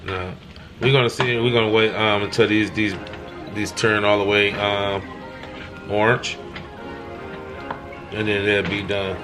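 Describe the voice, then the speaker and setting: A man walks his viewers through home cooking in his kitchen, speaking a little slowly with frequent pauses and little movement in pitch. His voice is fairly low. He rambles, repeats himself and keeps questioning the audience while music plays in the background.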